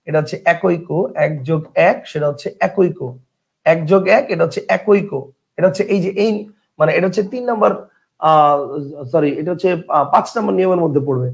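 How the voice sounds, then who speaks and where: A man's voice: high-pitched, gravelly. A man teaching a grammar lesson online, talking colloquially, repeating points and quizzing his students. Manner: colloquial, addresses learners as brother.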